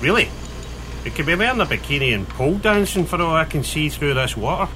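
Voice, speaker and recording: A man's voice: a little high, sing-song, brisk, background noise. An actor playing an affable, mock-formal workshop handyman with a dry sceptical manner in an audio comedy. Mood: dry, teasing.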